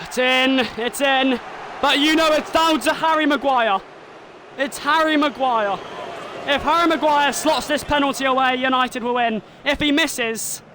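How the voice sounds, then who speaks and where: A man streaming a football video game live, calling the action like a commentator and shouting at the big moments. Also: extremely high pitch, a little hiss or hum. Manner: mimics a football commentator and a team manager.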